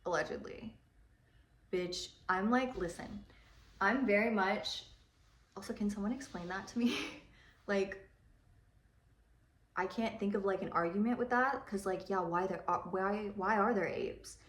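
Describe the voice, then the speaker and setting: Young female beauty vlogger, mid-pitch, chatty and rambling, slightly echoey room. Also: unhurried, pauses often. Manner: rambling, chatty, swears casually. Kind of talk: casual chat while doing makeup. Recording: roomy echo.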